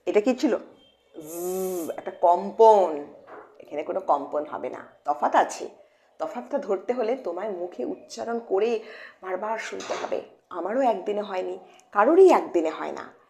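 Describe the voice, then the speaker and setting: A woman teaching phonics to children, playful and coaxing, asking many questions and slowly repeating each sound. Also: mid-range voice, very animated, vocal fry, mellow. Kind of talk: informal lesson to children.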